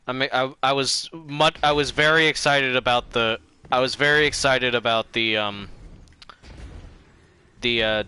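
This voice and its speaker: This man's mid-range voice is steady and sharp with a clean tone, moving at a measured pace with long pauses. He chats casually during a game livestream, rambling, easily distracted, and looping back over what he has already said.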